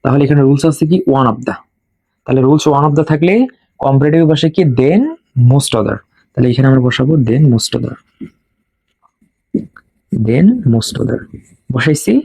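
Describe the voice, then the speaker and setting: Male grammar tutor, patient rule-drilling delivery, warm low timbre, dead dry room. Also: gravelly, husky, no room sound. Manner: slow and drilling, repeats rules for students to memorize. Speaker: English grammar teacher. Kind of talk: classroom lesson.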